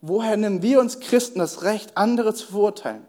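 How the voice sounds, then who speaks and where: A young adult man preaching a sermon as pastor, earnest, asking the congregation rhetorical questions and slowing down to stress key words. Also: sits high, mellow.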